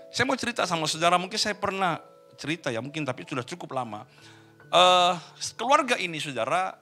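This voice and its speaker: A male pastor preaching a sermon, telling a story in a lively way and often addressing listeners as brothers and sisters. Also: high-pitched.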